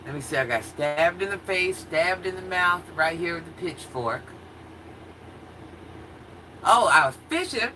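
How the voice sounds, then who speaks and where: Brief: American woman, husky yet very bright and forceful, animated casual storyteller, livestream feel, distant mic. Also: measured pace, long pauses. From rural United States, country upbringing. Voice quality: naturally husky, low-register voice for a woman. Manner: animated, dramatic retelling with acted-out quotes. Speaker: livestreamer chatting with viewers. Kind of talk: casual storytelling to a live chat. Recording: distant mic with faint background noise.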